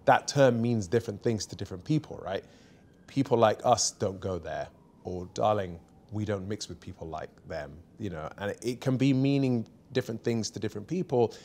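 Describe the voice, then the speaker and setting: Interview guest, man, 40s, lowish voice, frank and forceful, small studio, lapel mic. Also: normal speed. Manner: emphatic, candid, lively anecdotes. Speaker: barrister and author, interview guest. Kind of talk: seated conversational interview. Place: small bright studio set.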